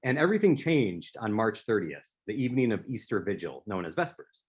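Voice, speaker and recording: Speaking as an author in a prepared speaker-series presentation, a man tells stories in a fairly low, sing-song voice with a breathy edge. He talks a little fast, restarts a few times, and the audio sounds dull.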